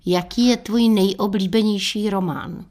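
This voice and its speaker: A woman radio host presenting a listener story segment and greeting a guest with clear, articulated delivery. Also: medium pitch, steady tone, a little mellow, slight background noise.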